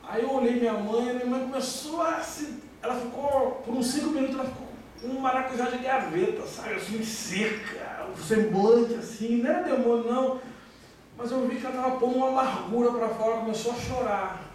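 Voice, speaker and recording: A man's voice: very high-pitched, brisk. A man with a Brazilian Portuguese accent, a pastor giving an emotional testimony sermon and acting out the dialogue as he tells it. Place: church hall. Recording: very echoey hall, far from mic, faint hiss.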